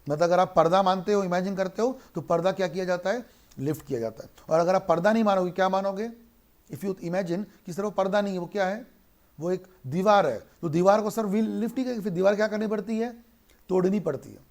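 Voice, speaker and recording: A man's voice: high voice, darkish tone. Man teaching law, asking and answering. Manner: asks questions and answers them himself, mixing Hindi and English; slows right down to read English lines aloud. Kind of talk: online lecture.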